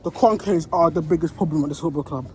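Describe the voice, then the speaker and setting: A woman's voice: sits low, quick pace, a little mellow, a little hiss or hum. A woman, a football fan giving a heated, swearing reaction rant that keeps circling back on itself. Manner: heated, swearing, repeats herself.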